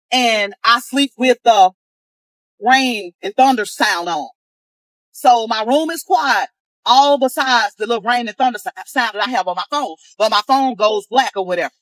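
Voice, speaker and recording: A woman's voice: on the high side, a bit bright, no echo, rough recording. A woman telling her viewers a worried, urgent story in a chatty vlog style. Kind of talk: casual vlog warning.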